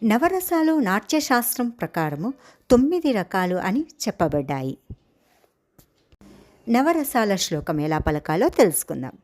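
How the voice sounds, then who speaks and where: A woman giving a dance theory lesson, explaining each term slowly and chanting a verse in a measured way. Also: medium pitch, sing-song, a little mellow. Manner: slow, deliberate, stretching and chanting key terms. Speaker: dance teacher.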